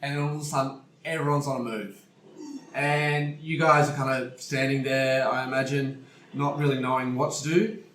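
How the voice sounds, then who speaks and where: A man's voice: mid-range voice, fairly even intonation, moderate pace, a bit bright. A man running a tabletop game as game master, telling the scene in a casual, hesitant way with restarts, recorded on a single mic shared around a table. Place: room with friends around a table. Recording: roomy single-mic recording with faint noise.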